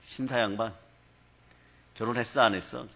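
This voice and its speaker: A man voicing a brash, wealthy old woman who scolds loudly on a subway. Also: mid-range voice, sing-song, racing, husky, heavily acted. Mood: teasing. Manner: scolding and blunt.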